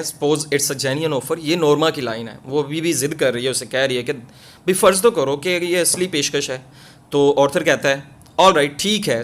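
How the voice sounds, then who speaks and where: A man teaching English, reading each phrase slowly and giving several translations for it, one after another. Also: fairly high pitch. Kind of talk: line-by-line reading and translation lesson.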